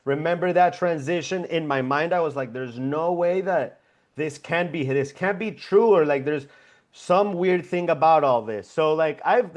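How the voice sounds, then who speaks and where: A young man from Venezuela speaks as a guest founder on a casual interview over a video call. He talks reflectively and rambles a little, with plenty of fillers. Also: on the high side.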